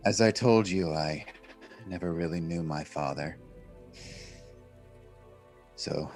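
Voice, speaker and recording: A man voicing a deadpan male bard who croons a mocking ballad in a tabletop game, with a music box playing behind. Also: low-pitched.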